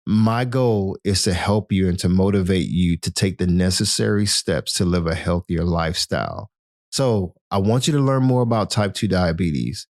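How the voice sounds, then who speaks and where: Low-voiced encouraging male podcast host. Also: normal speed, darkish tone, dry recording, clean studio sound. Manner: encouraging, addresses listener as "my friend". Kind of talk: motivational podcast talk.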